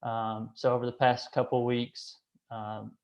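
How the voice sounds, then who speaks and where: A man's voice: mid-range voice, flat delivery, measured pace, a little mellow. A man, hosting an online meeting in a hesitant way, with many restarts and fillers. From Kentucky, USA. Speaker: association director hosting a call. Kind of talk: casual online meeting talk. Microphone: video call. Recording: slightly dull call audio.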